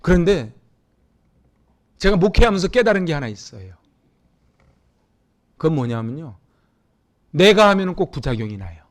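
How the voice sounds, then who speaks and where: Korean pastor preaching with rising fervor. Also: male voice, on the high side, normal speed, long pauses. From Seoul, South Korea. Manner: lively preaching, swings from loud emphatic peaks to hushed near-whispers; conversational, asks the congregation questions. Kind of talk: sermon.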